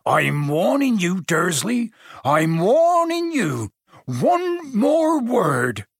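A huge bearded giant with a gruff, emotional way of talking, played by a male storyteller. His voice is husky and sits a touch high, and the recording is dry and close. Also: very animated, slow, fairly bright tone, dry recording, exaggerated voice. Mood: threatening. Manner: rough country speech, emotional.

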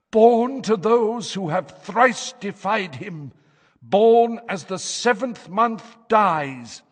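A man voicing a female seer in a trance, speaking a prophecy in a harsh, hoarse voice with slow, solemn chanting. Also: sits high, fairly bright tone, long reverb tail, pitched above the performer's own voice, exaggerated voice.

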